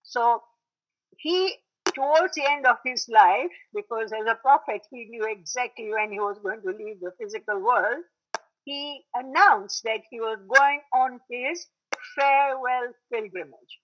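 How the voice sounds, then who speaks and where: A woman teaching a lecture on religious history. She explains at length, repeats key points for emphasis, and often pauses with fillers and clears her throat. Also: on the high side. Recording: dull lo-fi recording.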